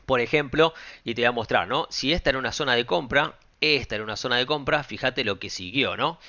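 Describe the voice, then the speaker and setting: A man with a Rioplatense Spanish accent walking viewers through a trading software tutorial in a casual, direct way, often checking in with the listener. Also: mid-range voice, a little fast. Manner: casual, direct, frequent check-ins and fillers. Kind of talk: screen-share software tutorial. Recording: dull lo-fi sound.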